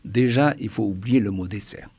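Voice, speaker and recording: Interviewed on radio as a guest author, this man from China speaks Chinese-accented French in halting bursts with frequent restarts. His voice is fairly low, darkish, and slightly rough.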